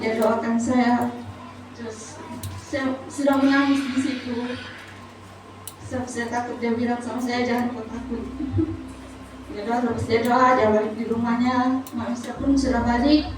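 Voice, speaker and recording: A woman tells her testimony in a soft, halting way, with many pauses. Her voice sits high, and it reaches the mic from a distance. The hall around her rings with heavy echo, and there is a clear noisy hum behind her. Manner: soft, hesitant storytelling with pauses. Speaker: church member giving testimony. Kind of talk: personal testimony at a church service. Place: church hall. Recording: very echoey hall, voice from far off, noisy.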